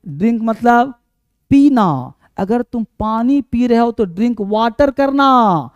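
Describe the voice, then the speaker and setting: A man teaching English to Hindi speakers, drilling verb forms and pronunciation with energetic, coaxing repetition. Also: extremely high pitch, no room sound.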